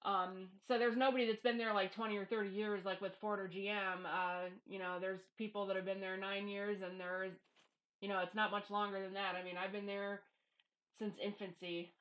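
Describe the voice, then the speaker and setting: A woman's voice: medium pitch, little pitch movement, moderate pace, a bit bright, dull audio. Casting: middle-aged woman with a mid-range voice, informal confessional vlogger, plain-spoken and self-deprecating, speaking into a headset at home. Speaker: YouTube vlogger. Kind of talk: casual confessional monologue to camera. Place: small home office. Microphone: headphones used as microphone.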